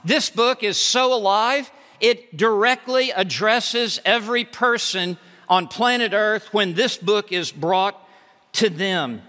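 High-voiced emphatic preacher in a hall. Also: male voice, slow pace, sharp tone. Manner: emphatic preaching with repeated words. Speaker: pastor. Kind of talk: sermon. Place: church sanctuary. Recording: reverberant hall.

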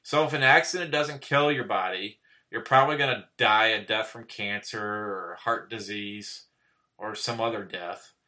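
A man's voice: on the low side, normal speed, pushed and bright. A man preaching a sermon, reading scripture aloud and checking in with "okay?" after nearly every point. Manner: earnest, repeats "okay?" after most points; reads scripture aloud in old-style wording.

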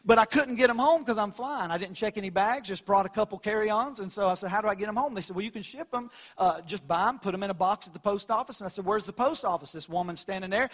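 A male pastor from the American South speaks in a high-set voice with a Southern drawl. He preaches in a folksy storytelling way, using down-home grammar and acting out small exchanges as he goes. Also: quick pace, few pauses, a bit bright.

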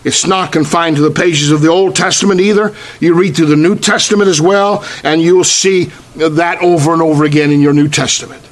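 Man, pastor, sermon, high voice, repeats phrases for emphasis. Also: fairly even intonation. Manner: emphatic preaching, repeats phrases, slows down for stress.

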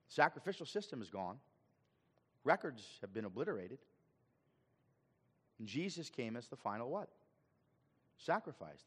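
Emphatic pastor preaching in a reverberant hall. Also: male voice, medium pitch, fairly bright tone. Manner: emphatic, questioning the congregation. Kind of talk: sermon. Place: church sanctuary.

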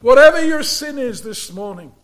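A man preaching a sermon in an earnest, emphatic way, often dropping suddenly to a hush. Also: very high-pitched, expressive, normal speed.

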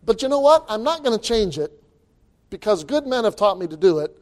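A man preaching a sermon as pastor into a pulpit microphone, emphatic and repeating his words as he builds to loud exclamations. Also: high voice, very animated, brisk.

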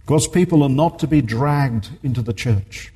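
A man's voice: medium pitch, normal speed, mellow, husky, long reverb tail. A man preaching a sermon as a minister in a church, earnest and emphatic, repeating his key points.

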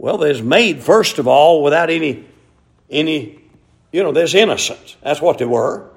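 Animated preacher, folksy and shouting. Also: male voice, fairly high pitch, normal speed, vocal fry. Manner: folksy storytelling, rising to shouted emphasis. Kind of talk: sermon.

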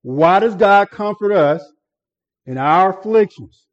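Guy preaching real slow, keeps repeating himself, kinda muffled lo-fi sound. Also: high-pitched, lively intonation. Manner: repeats words and restarts phrases while building emphasis. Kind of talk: sermon.

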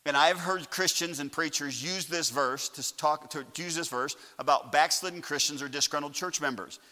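A man's voice: a little high, normal speed, pushed and bright, in a large hall. A man preaching a sermon to his congregation in a folksy way, often checking in with the listeners. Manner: folksy, repeatedly asks the congregation "all righty?". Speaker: pastor. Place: church sanctuary.

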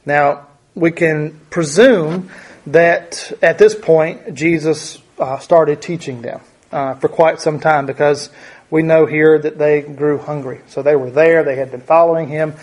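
Halting, conversational male Bible teacher. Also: on the high side, fairly even intonation, a little mellow. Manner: conversational, halting, many restarts and asides. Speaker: preacher.

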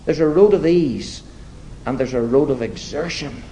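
A man preaching a sermon to his congregation, deliberate and emphatic, slipping into wry, self-deprecating asides. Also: mid-range voice, mellow, a little hiss or hum, low-quality recording.

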